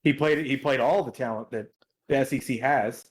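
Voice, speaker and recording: A man's voice: medium pitch, normal speed, breathy edge. A man co-hosting a casual fantasy football podcast, blunt and opinionated, often repeating himself. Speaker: podcast co-host.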